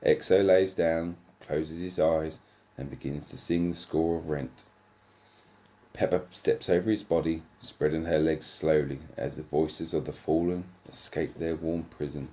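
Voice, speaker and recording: A man narrating a comic erotic story, deadpan, sometimes stumbling over words and swearing. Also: a bass voice, unhurried.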